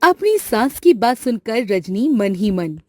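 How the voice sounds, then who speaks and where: A woman's voice: fairly high pitch, slow, faint music behind. Woman narrating a family story. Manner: steady, plain storytelling.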